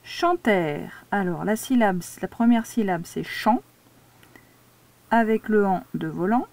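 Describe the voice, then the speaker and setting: A woman's voice: medium pitch, unhurried, creaky, a little mellow. A woman teacher giving a dictation lesson to a child, patiently spelling words out syllable by syllable. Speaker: primary school teacher.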